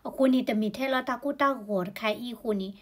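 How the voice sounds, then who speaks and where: A woman's voice: fairly high pitch, a little fast. A woman explaining health topics in a conversational way, often adding tag particles to her sentences. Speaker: health educator.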